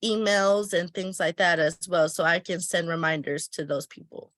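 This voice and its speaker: Here a travel agency owner, her voice on the low side and a bit stuffy from a cold, walks through weekly planning at a normal speed. She thinks aloud as she fills in her schedule, casual and chatty. The recording is dry.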